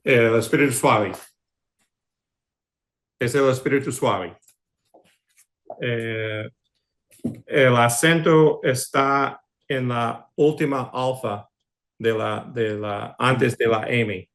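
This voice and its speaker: A man's voice: mid-range voice, steady tone, drawn-out words, long pauses, fairly bright tone. A man who is a pastor teaching a Greek class, speaking patiently with many hesitations. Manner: patient, hesitant, fillers and restarts. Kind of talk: online class lecture.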